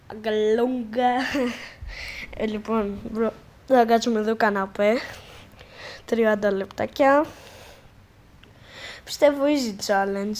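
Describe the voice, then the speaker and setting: A woman's voice: on the high side, a little mellow. A woman vlogging casually from a couch at her grandmother's house, with hiccups cutting off her words and English slang thrown in. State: has hiccups. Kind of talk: casual vlog chat.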